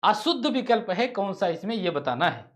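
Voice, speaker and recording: A man's voice: high-pitched, big pitch swings, normal speed, a bit bright. A male teacher running a live online exam-prep lesson, quizzing viewers and cracking teasing jokes between questions.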